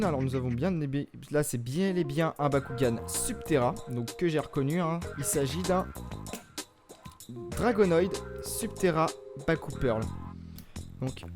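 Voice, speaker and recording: A man hosting a casual unboxing video at home, chatty and often hesitating with fillers. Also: on the high side. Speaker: YouTube host. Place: home set in front of a green screen.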